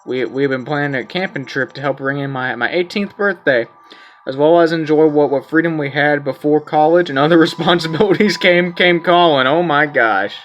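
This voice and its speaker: A man's voice: a little high, fairly quick, few pauses, a bit bright, highs cut off, faint music behind. A man playing a story game, reading its text aloud in a casual way, often repeating words, and chatting between the lines. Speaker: gameplay streamer.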